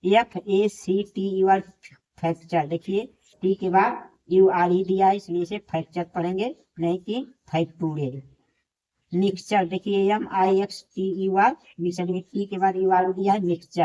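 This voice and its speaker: A woman's voice: medium pitch, moderate pace, mellow. A woman teaching English pronunciation in a classroom lesson, spelling out each word letter by letter and then repeating the correct form. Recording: dull lo-fi recording.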